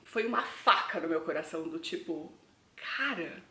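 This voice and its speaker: In an echoey room, a young Brazilian travel vlogger speaks in a low-pitched, sharp-toned, animated voice at normal speed. With a Brazilian Portuguese accent, she chats reflectively and casually, addressing her audience as "gente."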